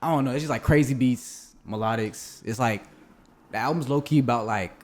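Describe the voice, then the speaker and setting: A man's voice: medium pitch, fairly quick, a little mellow. A man in a casual podcast chat, unsure and rambling with many fillers.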